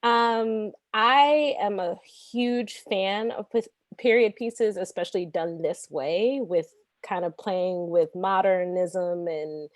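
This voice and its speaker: A woman's voice: mid-range voice, takes it slowly, few pauses, dry recording. Giggly woman on a dry mic. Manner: giggly, rambling, quotes her own thoughts. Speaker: panelist. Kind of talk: casual panel discussion.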